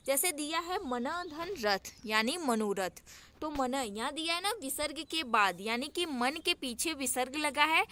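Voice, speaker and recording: A woman teaching a grammar lesson, explaining step by step, asking and answering her own questions and repeating examples slowly. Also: high voice, bright, forceful tone.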